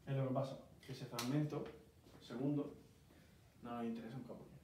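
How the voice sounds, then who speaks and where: A man's voice: medium pitch, fairly even intonation, brisk, warm tone. Murcian guy teaching english sounds, walks through it bit by bit, distant mic, big echo, light hiss. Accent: Murcian Spanish. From Murcia, Spain. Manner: patient, explains step by step with checking questions. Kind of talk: casual one-on-one pronunciation lesson. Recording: very echoey room, mic far off, faint noise.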